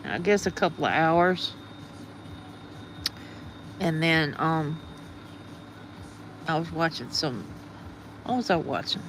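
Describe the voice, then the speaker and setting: Woman chatting on a phone livestream, unhurried, groggy morning voice, bit of traffic noise behind. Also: sits low, fairly bright tone. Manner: rambling, chatty, greets viewers. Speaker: livestream host. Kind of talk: casual livestream chat.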